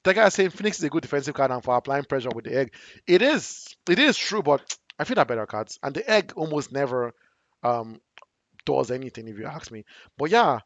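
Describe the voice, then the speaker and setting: A young man commentating a live game stream on his own, excitable and shouting at big plays, a little hoarse from talking. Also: mid-range voice, a little fast, dry recording, lo-fi sound. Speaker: esports commentator and stream host.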